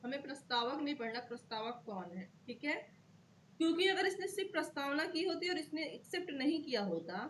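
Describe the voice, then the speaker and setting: Woman law tutor, fairly high voice, patient step-by-step lecture, keeps checking "okay". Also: animated, a little fast, slight background noise. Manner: checks in often with "okay", repeats key terms. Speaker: law teacher. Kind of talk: explanatory lecture to students.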